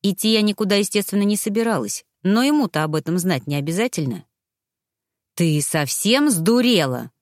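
A woman narrating a first-person fantasy audiobook with even, attentive storytelling. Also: medium pitch, quick pace, few pauses, dry recording, clean studio sound.

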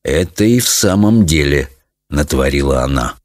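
A man voicing a pompous, self-important middle-aged father in a storybook reading, in a calm and stiff manner. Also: on the low side, moderate pace, no echo, clean studio sound. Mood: stern.

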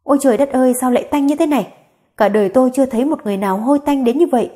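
A woman's voice: fairly high pitch, brisk, warm tone, close to an everyday voice. A woman voicing a scheming young woman in a spoken story, mocking and then feigning tears. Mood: scornful. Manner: mocking, then tearfully meek.

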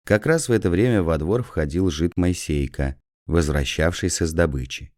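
A man narrating a classic story in a measured storytelling way. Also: low-pitched, a little mellow, dry recording, studio quality.

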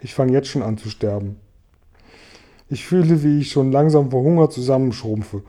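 A man's voice: moderate pace, dark tone, close to an everyday voice. A man voicing a gloomy, complaining blind earthworm in a storybook reading. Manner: complaining, shrill outbursts. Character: gloomy blind male earthworm, shrill and whiny.

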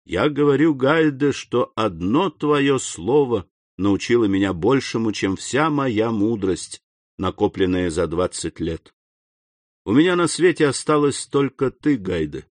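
A man reading aloud and voicing a grave, restrained nobleman who speaks low and solemnly. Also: animated, unhurried, dry recording, clean studio sound, natural voice. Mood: tender, grave.

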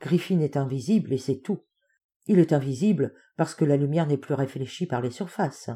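A woman reading an excitable young man who argues his point with eager, insistent triumph. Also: fairly high pitch, slightly rough. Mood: reasoning. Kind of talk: audiobook character reading.

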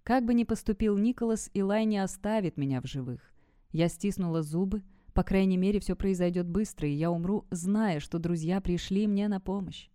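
A woman narrating a dark fantasy novel in first person, reading dramatically. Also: mid-range voice, moderate pace, clear, resonant tone, no echo, studio quality. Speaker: audiobook narrator. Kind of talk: fiction audiobook narration.

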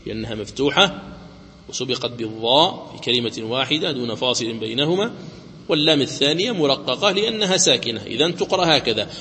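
A man teaching the rules of Quran recitation, explaining each rule step by step and chanting the example words slowly. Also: mid-range voice, expressive, sharp tone, big-room sound, slight background noise. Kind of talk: tajweed lesson with chanted examples.

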